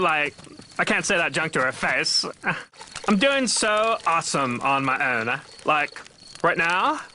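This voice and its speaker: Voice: medium pitch, background noise, natural voice. A voice actor playing a bratty, gossipy valley-girl cartoon princess with a whiny drawl.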